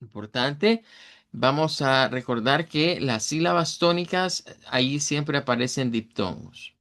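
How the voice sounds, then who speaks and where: Speaking at a measured pace in a mid-range, fairly bright voice, a middle-aged English teacher covers vowel sounds in a recorded online session. His Central American Spanish accent comes through as he uses fillers and corrects himself.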